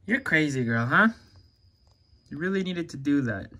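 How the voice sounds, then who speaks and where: A man's voice: fairly high pitch, normal speed. Man chatting fondly to his pet lizards. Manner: talks affectionately to his lizards, with excited exclamations. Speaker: reptile keeper and channel host. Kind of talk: casual vlog narration while feeding pets. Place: reptile room in his home.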